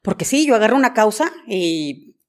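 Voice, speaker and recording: A woman's voice: mid-range voice, moderate pace. A woman journalist with a Mexican Spanish accent, a guest on a podcast, telling stories and acting out the dialogue. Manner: animated storyteller, acts out dialogue. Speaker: guest, journalist and news director. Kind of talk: conversational podcast interview.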